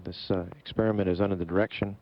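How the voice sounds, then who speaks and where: A man giving measured, formal, explanatory commentary as a mission operations announcer. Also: sits low, fairly even intonation. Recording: dull, muffled broadcast feed.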